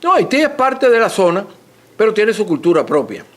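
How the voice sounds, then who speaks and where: In an extempore scholarly talk, a male author and lecturer fields audience questions, courteous and didactic, restating points emphatically. His voice sits high with huge pitch swings, at normal speed.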